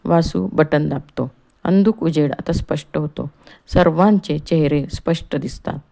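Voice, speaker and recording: A woman reads stage directions for an audiobook in a measured, even way. Her voice sits low and has a gravelly texture. The tone is dark and mellow. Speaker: audiobook narrator. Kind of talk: scripted narration of stage directions.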